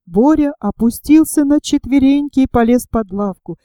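A woman narrating an audiobook story in a calm, measured way. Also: sits high, no echo. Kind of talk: scripted narration.

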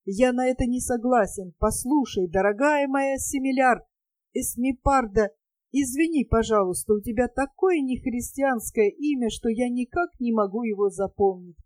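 A woman's voice: fairly high pitch, moderate pace, a little mellow, no echo, close to an everyday voice. Brief: woman reading a smug flirtatious captain, glib vows, storybook audiobook. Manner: smooth-talking, self-satisfied, grandly vowing.

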